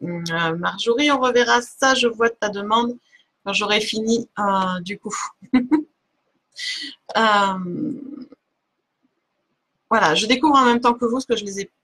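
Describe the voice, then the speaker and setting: A slightly high, somewhat bright-voiced woman reads oracle cards live on a stream. Her manner is casual and uncertain, with frequent stops to search for words, many fillers and restarts, and laughter at her own expense.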